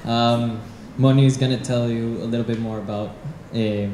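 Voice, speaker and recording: A young man reads his presentation from a phone into a handheld mic, in a measured way. His voice is mellow. The echo of a dim event hall surrounds him, with a faint hum behind. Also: medium pitch, fairly even intonation. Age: young adult. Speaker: student presenter. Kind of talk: reading a presentation.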